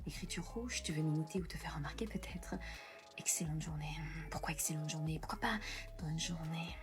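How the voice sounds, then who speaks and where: A woman voicing a self-obsessed, flirty female teacher in a whispered role-play, with a low, husky voice. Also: fairly quick, music in the background, lightly acted. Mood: smug whisper.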